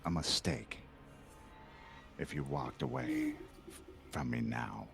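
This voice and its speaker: A man voicing a strange masked male dealer who craves a gem, speaking slowly and threateningly with a gravelly voice. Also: rumbling low, wildly swooping pitch, over music, voice pushed down, heavily acted. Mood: menacing. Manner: slow, drawn-out, threatening.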